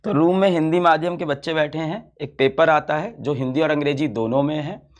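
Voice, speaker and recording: A man's voice: a little high, fairly quick. A man interviewing an exam candidate, asking questions, prompting her and summing up her account. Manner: recaps and prompts with frequent hums.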